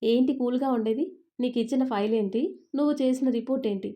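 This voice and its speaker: A woman voicing a strict, sharp-tongued young woman office lead in a storybook reading. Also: medium pitch, steady tone, a little fast, close to an everyday voice. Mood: scolding. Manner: stern scolding.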